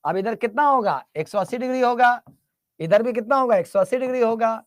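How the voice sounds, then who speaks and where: A man's voice: extremely high pitch, fairly quick, no echo, studio quality. Male teacher quizzing a class. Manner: repetitive call-and-response questioning; teasing, mixes English terms into Hindi. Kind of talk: classroom lecture.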